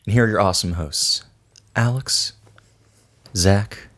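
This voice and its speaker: A man's voice: fairly low pitch, a little slow, a bit bright. A man hosting a podcast, opening the show playfully. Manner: playful, upbeat show intro. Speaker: podcast host. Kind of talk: casual chat.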